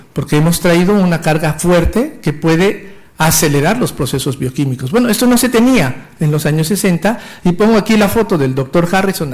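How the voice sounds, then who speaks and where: This is a medical lecture from a physician in his fifties who has a Mexican Spanish accent and a bright, high-pitched voice. His delivery is eager and technical, with occasional stumbles where he restarts a word and then continues.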